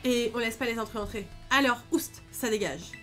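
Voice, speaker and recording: A woman's voice: medium pitch, fast, soft background music, lightly acted. A woman voicing a cocky young female gang grunt in a game, with a bratty, mocking put-on accent. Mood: threatening.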